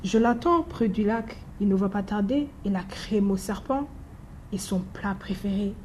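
A bold little mouse, as a woman voices her, quick-witted and lively, her voice rising high. The tone is mellow and soft-edged, with a faint hiss of background noise. It sounds like a storybook reading. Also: lightly acted. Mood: confident. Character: small, clever, bold female mouse.

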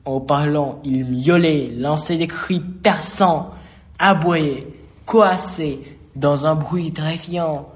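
A man reading a rhymed children's storybook aloud, slow and expressive. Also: fairly high pitch.

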